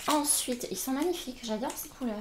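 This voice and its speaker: A woman's voice: sits high, background noise. A woman chatting casually as she unboxes beauty gifts, gushing with exclamations. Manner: gushing, exclamatory, slow and drawn out. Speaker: beauty vlogger.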